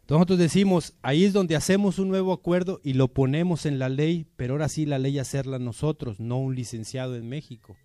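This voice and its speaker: A man's voice: on the high side, fairly quick, few pauses, mellow, no echo. A man with a Mexican accent giving an informal political speech to a community assembly, colloquial and persuasive, with many rhetorical questions. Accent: Mexican Spanish.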